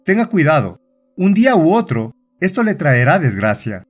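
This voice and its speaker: Gentleman companion in a horror audio story, stern and probing, Latin American accent, read by a male narrator. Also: on the high side, very animated, moderate pace, breathy edge, soft background music. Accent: Latin American Spanish. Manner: probing, then stern and warning.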